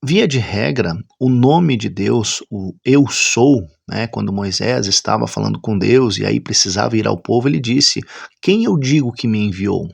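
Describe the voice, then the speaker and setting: A man explaining a Bible topic in an unhurried teaching manner, often checking in with "né?". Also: on the low side, gravelly. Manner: unhurried and explanatory, with frequent "né?" tag questions.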